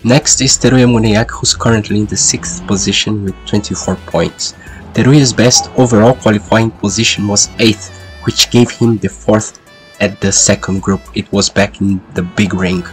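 Male race commentator, lowish pitch, sick and stuffed-up duck voice, qualifying coverage over music. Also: steady tone, moderate pace, poor audio. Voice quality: congested, sick-sounding "duck voice". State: sick with a lingering cold. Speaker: sim racing commentator and host. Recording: music behind the voice. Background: background music.

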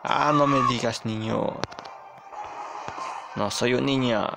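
Man, gameplay commentary, unhurried, gravelly edge, game music underneath. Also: medium pitch, steady tone. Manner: playful, boastful, reads game dialogue aloud. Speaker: gamer.

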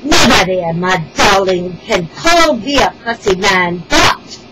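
A woman's voice: medium pitch, expressive, slow pace, very noisy. Woman doing a whimpering fussy old king. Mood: gleeful. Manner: sobbing and whimpering, then gleeful. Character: fussy weepy old king who loves butter.

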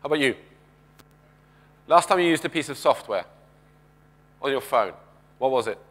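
A man's voice: medium pitch, lively intonation, moderate pace, fairly bright tone. Guy in his 30s doing a keynote on a big stage, headset mic, chatty, lots of restarts. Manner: conversational, questions the audience, frequent restarts; paces the stage with gestures. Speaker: keynote speaker. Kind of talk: conference keynote talk. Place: large conference stage.

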